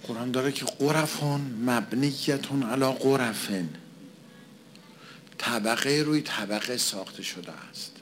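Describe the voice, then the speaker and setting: Guy preaching a sermon in a chatty way, middle pitch, keeps repeating himself for emphasis. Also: a bit bright, slight background noise. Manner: poses and answers his own rhetorical questions. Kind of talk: conversational sermon.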